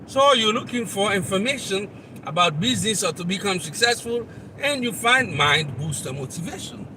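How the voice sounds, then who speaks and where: Standing outdoors near loud traffic, a Haitian motivational coach who hosts a channel delivers a live talk, far from the mic. He speaks directly to the listener in a high, expressive voice with a Haitian accent at normal speed, repeating his points earnestly.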